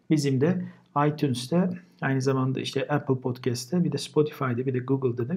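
Turkish guy teaching english words, says each one twice then explains, kinda husky. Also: medium pitch, a little mellow. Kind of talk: vocabulary lesson.

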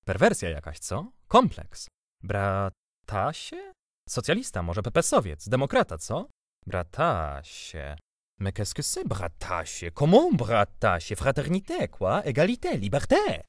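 A man's voice: lowish voice, huge pitch swings, slow, fairly bright tone, dry recording, studio quality, full character voice. A man reading an audiobook, voicing a pompous, irritable middle-aged aristocrat who sputters and slips into French. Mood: scandalised.

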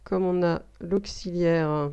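Female teacher, slow patient dictation, dark mellow voice, muffled recording. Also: fairly low pitch, fairly even intonation, creaky, smooth. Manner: slow, repeats words, explains grammar step by step. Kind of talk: slow spelling dictation lesson. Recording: dull lo-fi recording.

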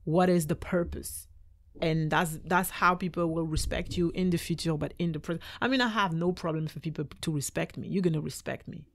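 The same Belgian-raised, French-speaking young choreographer and dancer chats animatedly on a podcast in a small studio, gesturing with her hands and laughing quickly. Recorded on a boom-arm studio mic with slight background noise, her voice sits on the low side.

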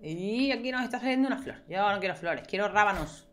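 A woman's voice: medium pitch, expressive, fairly quick, a bit bright. Chatty young woman gaming. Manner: chatty, talks to herself and viewers, playful exclamations. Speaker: gameplay streamer. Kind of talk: casual gameplay commentary.

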